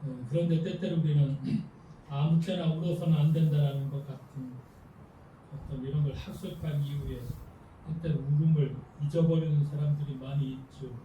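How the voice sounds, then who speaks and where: A man, a pastor, giving a Sunday sermon in a calm, measured way and softly reading a passage aloud. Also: a little high, dull audio, a little hiss or hum. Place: church sanctuary. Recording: echoey hall, mic from a distance, faint ambience.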